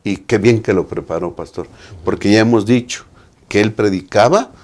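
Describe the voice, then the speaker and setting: A man's voice: lowish voice, moderate pace, a little mellow. A man with a Mexican Spanish accent, a pastor discussing the Sabbath school lesson in a preaching manner, often adding tag questions.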